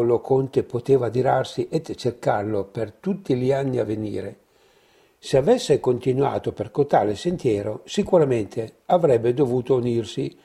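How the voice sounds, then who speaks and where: Slow gravelly male storyteller. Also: mid-range voice, mellow. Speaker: narrator. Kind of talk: storytelling in mock-archaic language.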